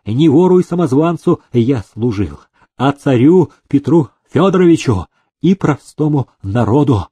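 A man's voice: mid-range voice, animated, unhurried, warm tone, slightly rough, dry recording. A man voicing a proud old servant who answers his captor boldly and mockingly. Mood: defiant. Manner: bold, mocking.

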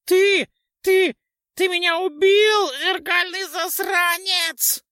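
A man voicing a boastful, half-rotten male ghoul in an audiobook, shrill and gleeful. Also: steady tone, slow, pushed and bright, dry recording, studio quality, exaggerated voice. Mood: wailing. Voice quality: squeaky and shrill. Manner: gleeful, bragging, whining. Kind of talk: audiobook character voice.

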